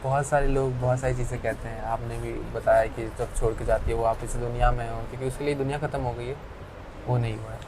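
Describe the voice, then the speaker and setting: Man, podcast host, hesitant questions, mid pitch, audible background noise. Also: fairly even intonation, fast. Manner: brief agreeing responses, hesitant questions. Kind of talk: casual conversational interview.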